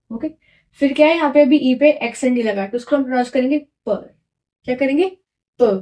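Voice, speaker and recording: A woman's voice: high-pitched, dark tone, dull audio. A woman teaching French grammar, explaining step by step, repeating each key word and asking the learner to echo it back, and mixing English words into her Hindi. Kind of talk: classroom-style lesson explanation.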